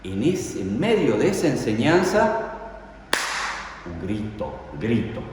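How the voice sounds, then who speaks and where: A man's voice: mid-range voice, big pitch swings, slow, darkish tone, a little hiss or hum. A man preaching a sermon, telling the story dramatically and putting rhetorical questions to his congregation. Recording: echoey hall, voice from far off.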